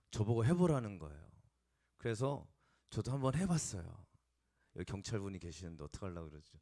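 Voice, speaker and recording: A male pastor preaching a sermon and telling a lively story from his own childhood, acting out the voices of the people in it. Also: fairly low pitch. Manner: animated storytelling, acts out quoted voices. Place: church sanctuary.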